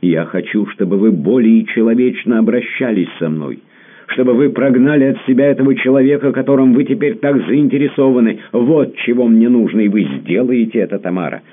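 A man's voice: low voice, expressive, normal speed, voice pushed up. A man voicing a young count, distraught, jealous and pleading. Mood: desperate. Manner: agitated, pleading, crying out. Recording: lo-fi phone-like audio.

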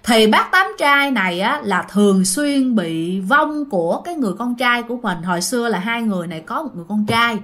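Woman telling a spooky tale to her listeners, high voice, very animated. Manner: animated, addresses listeners, acts out scenes. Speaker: storyteller. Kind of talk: casual ghost-story telling.

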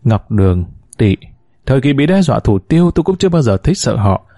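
An audiobook narrator, a man with a mid-range voice, reads a novel in a measured, expressive storytelling style. The recording is dry, with clean studio sound.

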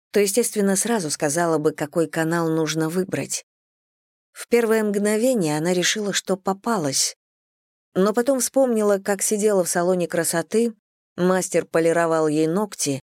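An audiobook narrator reading a thriller novel in an even, steady storytelling manner. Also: medium pitch, dry recording, clean studio sound.

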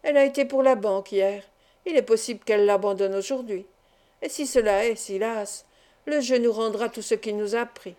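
An impudent gambler drawls with cool, ironic confidence, as a woman reads him aloud. The voice sits a little high yet sounds soft and mellow. It is a calm storybook reading. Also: moderate pace, natural voice. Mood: coaxing. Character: impudent ironic male gambler, middle-aged.

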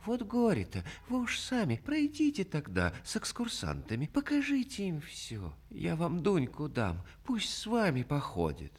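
A man's voice: a little high, moderate pace, a little mellow, voice pushed up, close to an everyday voice. A man voicing an ailing woman caretaker in an audiobook, speaking weakly and plaintively. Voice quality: weak, moaning. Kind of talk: audiobook character reading.

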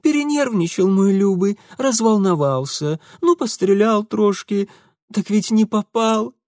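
A man voicing a sharp-tongued, plump red-haired shopkeeper's wife with a Ukrainian accent in an audiobook. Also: very high voice, moderate pace, no echo, studio quality, pitched above the performer's own voice. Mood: flirty. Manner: sharp-tongued, then coquettish.

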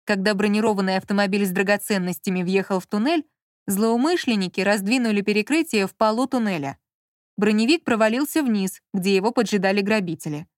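A woman's voice: medium pitch, fairly quick, no room sound. Woman narrating an audiobook, dry.

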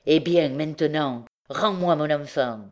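A woman's voice: low voice, measured pace, a little mellow. A woman reading as a desperate pleading mother. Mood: accusing. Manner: fervent, imploring. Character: desperate pleading peasant mother, middle-aged.

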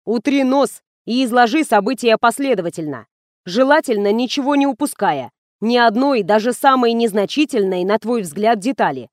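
A woman reading the part of a calm, dryly ironic male publisher. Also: on the high side, normal speed, dry recording, clean studio sound, lightly acted.

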